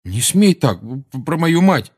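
Seamus, a shouting, agitated schoolboy, read by a man. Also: sits high, huge pitch swings, measured pace, voice pushed up, heavily acted. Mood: angry. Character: nervous, hot-tempered teenage schoolboy Seamus.

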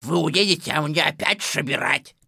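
A woman voicing a gruff, boastful male forest robber who lisps, in an audiobook fairy tale. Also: sits low, moderate pace, sharp tone, no room sound, clean studio sound, pitched below the performer's own voice, exaggerated voice. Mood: grumbling. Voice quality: lisping. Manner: gruff, menacing then sulky.

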